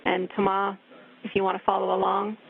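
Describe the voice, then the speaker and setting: A woman's voice: mid-range voice, monotone, brisk, creaky, slightly rough. Woman giving orders over a sci-fi-style radio. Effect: narrow radio channel, like a sci-fi communicator. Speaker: mission control radio communicator. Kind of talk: procedural radio instructions. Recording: tinny radio link.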